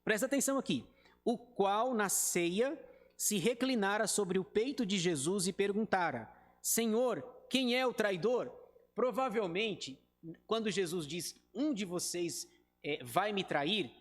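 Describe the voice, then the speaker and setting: A man's voice: high-pitched, long reverb tail. A male pastor with a Brazilian Portuguese accent teaching a Bible study in a conversational way, talking to the group and acting out quoted lines. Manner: talks to the group directly and acts out quoted speech.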